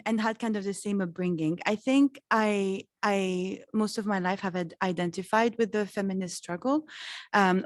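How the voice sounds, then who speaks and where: A woman's voice: medium pitch, no echo, clean studio sound. A woman of the Lebanese diaspora, raised in France, speaking frankly and reflectively on a panel, with restarts. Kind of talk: panel discussion.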